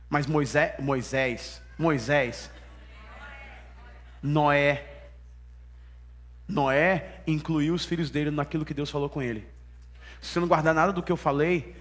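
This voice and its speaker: A man preaching a sermon, telling stories and acting out dialogue. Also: fairly high pitch. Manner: animated storytelling, acts out dialogue. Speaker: pastor.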